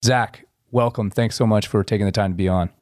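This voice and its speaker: A man hosting a podcast interview, asking friendly, measured questions. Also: fairly low pitch, fairly even intonation, a little mellow, no echo, clean studio sound. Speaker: podcast host.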